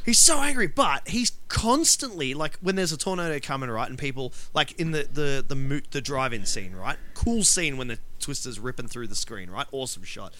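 A man co-hosting a casual film discussion podcast, animated and ranting, laughing often. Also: medium pitch, moderate pace, few pauses. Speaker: podcast co-host.

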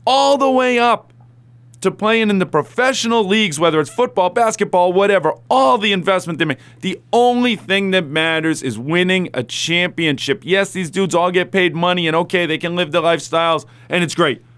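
A man's voice: sits high, a little fast, few pauses, a bit bright, clear, resonant tone. A man hosting a sports radio talk show, giving opinionated commentary in a conversational way and addressing listeners directly.

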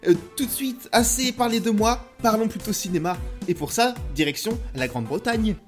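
A young Frenchman with a high-pitched voice hosts his own film podcast, reviewing movies in a casual, comic monologue. He speaks at a moderate pace, playful and self-mocking, with plenty of filler sounds and faint music behind him.

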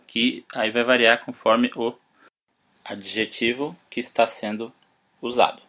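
A man with Portuguese as his first language giving a casual spoken English lesson, spelling words out letter by letter and slowing down for his example sentences. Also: mid-range voice. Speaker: English teacher, podcast host.

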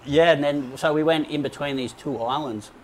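A man's voice: a little high, moderate pace, over a noisy crowd, low-quality recording. Sweary young Australian man telling a story. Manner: swears a lot, rambling with many fillers. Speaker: guest. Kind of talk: casual storytelling.

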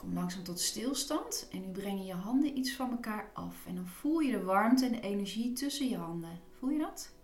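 A woman guiding a body relaxation meditation, giving soothing, instructive cues with gentle repetition. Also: medium pitch, expressive, normal speed, few pauses, reverberant.

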